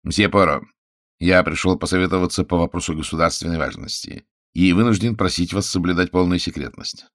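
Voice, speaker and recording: Man doing a grave old statesman, formal and solemn, deep dry voice. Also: fairly even intonation, brisk, a bit bright, no room sound. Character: grave senior statesman, older man, worried.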